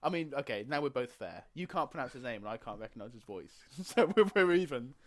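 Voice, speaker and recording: Lively man chatting casually. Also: mid-range voice, fast talker. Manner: laughs often, excitable. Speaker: podcast co-host. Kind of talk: casual chat.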